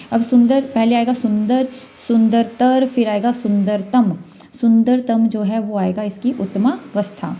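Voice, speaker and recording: A woman's voice: on the high side, warm tone. Woman teaching Hindi exam questions. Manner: explains patiently, repeats key words, sounds out letters. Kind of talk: exam-prep lesson, question by question.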